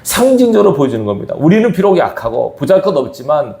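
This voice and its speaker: A man's voice: fairly high pitch, very animated, fast talker, gravelly, mellow. A man preaching a sermon as pastor, his emphasis rising and falling sharply. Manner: emphatic preaching with sudden rises and drops. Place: church sanctuary. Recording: echoey church hall.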